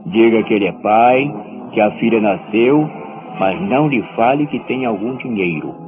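An actor with a Brazilian accent playing a stern, protective and persuasive brother in a radio soap opera, speaking with theatrical emphasis. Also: male voice, on the low side, lively intonation, normal speed, close to an everyday voice, low-quality recording. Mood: calculating, persuasive. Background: music.

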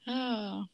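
A woman's voice: fairly high pitch, gravelly, sharp tone. A woman in her thirties co-hosting a casual rewatch podcast, chatty and laughing, acting out quotes. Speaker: podcast co-host.

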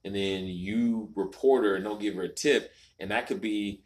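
A man's voice: lowish voice, steady tone, moderate pace, a little mellow. A man co-hosting a casual chat from a home garage, telling stories with emphatic asides. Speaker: podcast co-host.

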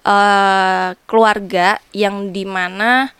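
A woman who grew up speaking Hokkien, telling personal stories in a casual, animated interview style, often repeating her phrases. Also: medium pitch, drawn-out words, clear, resonant tone, no room sound. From Indonesia. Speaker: interview guest.

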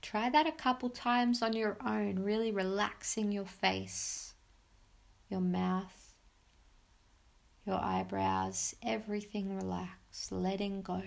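A woman's voice: mid-range voice, steady tone, creaky. A woman hosting a mindfulness podcast, giving soothing guided meditation instructions in simple, encouraging phrases. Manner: soothing, unhurried instructions with pauses.

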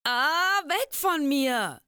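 A woman voicing a boisterous, brawny male warrior who teases loudly and boasts. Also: on the high side, big pitch swings, a little slow, dry recording, clean studio sound. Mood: startled. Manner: loud, boastful, teasing.

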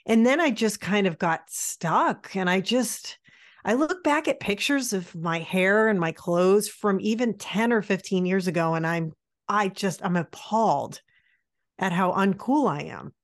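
A woman's voice: medium pitch, a little slow. A woman in her late forties co-hosting a podcast, chatting candidly and poking fun at herself, with plenty of fillers. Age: 40s. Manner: candid, self-deprecating, chatty with many fillers. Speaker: podcast co-host. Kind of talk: casual chat.

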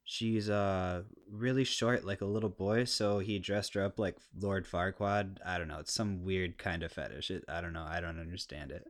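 A man with a harsh stoner skater voice, rambling casually and unscripted through a solo podcast with crude, self-deprecating humor, clearly recorded on a podcast mic. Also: low-pitched, fairly even intonation, moderate pace, hardly any pauses. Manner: laid-back, rambling and unscripted. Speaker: podcast host. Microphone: podcast microphone, clean close sound.

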